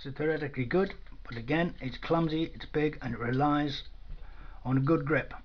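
Sitting at a workbench indoors, a product demonstrator walks through an informal hands-on demo in a dry, understated, matter-of-fact way. His voice is on the high side and moves at normal speed. The camera microphone gives a dull, lo-fi sound with clear noise.

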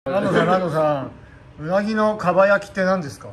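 A man's voice: sits high, fast talker, a crowd in the background. A man interviewing casually from behind the camera, asking short teasing questions. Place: small indoor room. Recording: music behind the voice.

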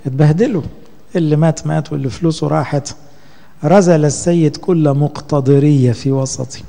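A man with an Egyptian Arabic accent, a priest giving a conversational sermon and slowing down when he quotes scripture. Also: a little high, mellow, long reverb tail. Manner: conversational preaching, slow when quoting scripture.

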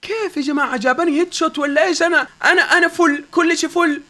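A young gaming YouTuber commentates his own gameplay in a very high-pitched, racing voice. He swings between yelling and pleading during tense moments and mutters quietly when things calm down.

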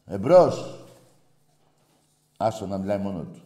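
A brash man hosting a call-in radio show, loudly insulting callers and boasting. His voice sits low but leaps up and down constantly. The room around him is echoey. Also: expressive. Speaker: radio show host taking calls.

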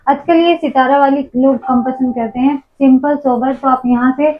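A woman hosting a promotional shop video, explaining options to viewers with drawn-out fillers. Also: high-pitched, fairly even intonation. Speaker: host presenting a wholesale shop. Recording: dull lo-fi sound.

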